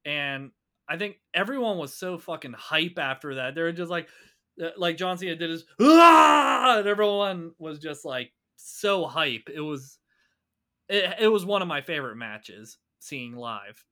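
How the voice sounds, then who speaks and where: Lively bright-voiced man. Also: fairly high pitch, normal speed. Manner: animated, swearing, boastful wrestling trivia. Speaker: podcast co-host. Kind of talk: casual chat.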